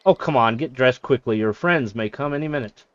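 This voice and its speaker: Chirpy mom nagging her kid to get up, voice pitched way up, a guy putting her on, dry dull sound. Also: a little fast, a bit bright, dry recording, natural voice. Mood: chiding.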